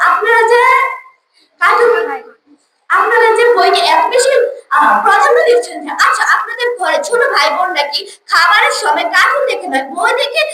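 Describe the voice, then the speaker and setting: Pushed and bright, this very high-pitched female voice belongs to a young student, child or teen, delivering the first speech at a school debate. She sounds declamatory, formal and well rehearsed. Captured with a distant mic in an echoey room full of background noise.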